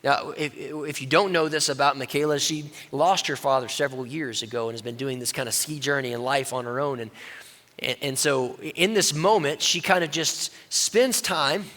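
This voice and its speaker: A male pastor preaching a sermon in a conversational way, dropping low and quiet when quoting God. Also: normal speed. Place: church auditorium. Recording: long reverb of a church hall.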